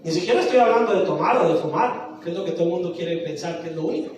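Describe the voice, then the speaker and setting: A woman's voice: fairly low pitch, lively intonation, rapid-fire, darkish tone, a little hiss or hum. A woman pastor preaching a sermon, asking the congregation questions and answering them herself. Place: church sanctuary. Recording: echoey church from far off, faint music.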